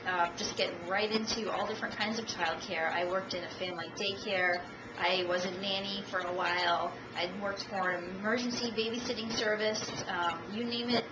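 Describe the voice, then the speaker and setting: A woman in her thirties from the United States giving a self-introduction speech for a class, measured and dotted with ums and uhs, recorded on a camcorder. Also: medium pitch. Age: 30s. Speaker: student. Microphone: camcorder at a distance. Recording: echoey room, distant camcorder, audible noise.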